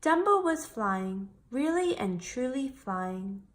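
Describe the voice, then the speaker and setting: Slow and slightly high-pitched, a woman's voice reads a children's picture book with plenty of storytelling expression.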